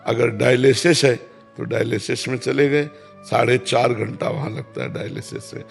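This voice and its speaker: A man, calmly answering devotional questions as a spiritual teacher and repeating key phrases. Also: medium pitch, gravelly, soft background music. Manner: calm, repeats key phrases, chants verses slowly.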